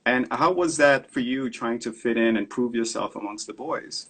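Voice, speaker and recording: A man's voice: mid-range voice, moderate pace, fairly bright tone, slightly rough. A man hosting an interview over a video call, asking long, enthusiastic questions. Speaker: interviewer host. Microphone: laptop webcam on a video call.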